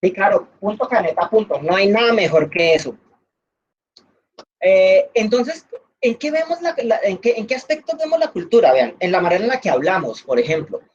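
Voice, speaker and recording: A woman's voice: mid-range voice, lively intonation, moderate pace, darkish tone, husky. A woman with a Valle Colombian accent teaches an online class. She talks in a chatty way, leans on everyday examples and uses plenty of fillers. The sound is dull and lo-fi, like call audio. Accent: Valle del Cauca Colombian. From Valle del Cauca, Colombia. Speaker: instructor.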